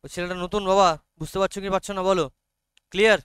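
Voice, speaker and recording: A male teacher with a Bengali accent explains grammar to a classroom, pausing often to ask whether everyone has understood. His voice sits high and rings clear and smooth. The sound is close and dry, with no room echo. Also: steady tone, a bit bright. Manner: frequent check-ins with students.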